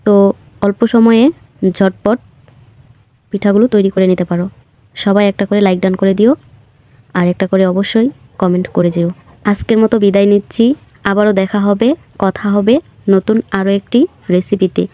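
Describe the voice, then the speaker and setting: A woman talks through a recipe as the host of her cooking channel. Her voice is mellow and warm, friendly and instructional. The recording is dry and close, with no room sound. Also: mid-range voice, fairly even intonation, normal speed, long pauses, no echo. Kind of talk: recipe voice-over narration.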